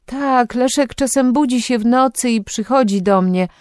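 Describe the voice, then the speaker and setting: A woman's voice: a little high, moderate pace, a little mellow, clean tone, no room sound, clean studio sound, voice pushed up, lightly acted. A woman reading the part of a weary young wife who answers in an unsure, hesitant way. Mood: evasive.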